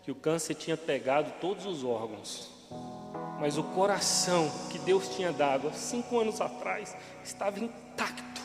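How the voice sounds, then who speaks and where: A man's voice: on the high side, lively intonation, moderate pace. A man speaks to a church congregation in a raised voice, his testimony heavy with emotion. The hall rings with a long echo, and instrumental music plays behind him throughout. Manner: emotional, rising to shouting at peaks.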